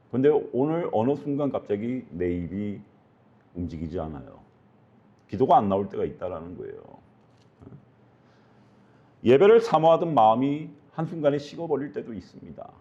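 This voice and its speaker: A man's voice: mid-range voice, expressive, moderate pace, long pauses, mellow, dull audio. A male pastor preaching earnestly, often putting questions to his congregation. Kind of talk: sermon.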